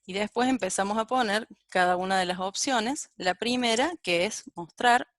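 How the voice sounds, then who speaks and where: A woman's voice: mid-range voice, normal speed, dry recording, clean studio sound. A woman giving a live-coding programming lecture and thinking aloud as she types and corrects herself. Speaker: programming teacher.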